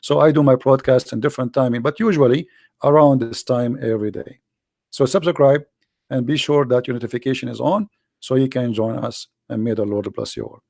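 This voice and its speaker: A man with Arabic as his first language speaks briskly and bluntly in a livestream sermon, addressing viewers as a daily broadcast host. His raspy mid-range voice has a darkish tone and stays steady. Audio is dry, close, and echo-free.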